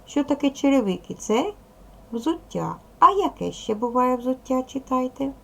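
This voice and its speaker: A woman teaching a video language lesson to young children, patient and slow, asking questions and waiting for answers. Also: sits high, lively intonation, gravelly. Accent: Ukrainian. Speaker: primary school teacher.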